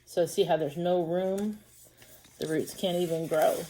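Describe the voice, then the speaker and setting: A woman's voice: on the low side, steady tone, measured pace, mellow, slight background noise. A woman teacher giving a reading lesson to first graders, patiently sounding out words and syllables. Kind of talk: reading lesson for young children.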